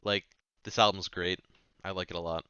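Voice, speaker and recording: A man's voice: deep voice, flat delivery, normal speed, bright, forceful tone, clean tone, no echo, highs cut off. A man reviewing music in a rambling, offhand way, swearing casually. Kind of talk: casual chat.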